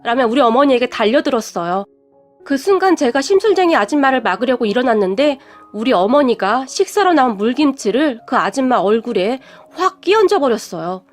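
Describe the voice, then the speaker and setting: High-voiced woman narrating a story. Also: expressive, brisk, faint music behind.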